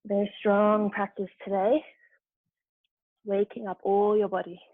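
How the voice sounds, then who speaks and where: A woman's voice: mid-range voice, little pitch movement, a little slow, no echo. A woman guides a yoga class with brief, upbeat cues for breath and posture. Her voice comes through narrow and tinny, like a phone line, with a dry, close sound and no room around it. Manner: short encouraging movement cues. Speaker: yoga instructor.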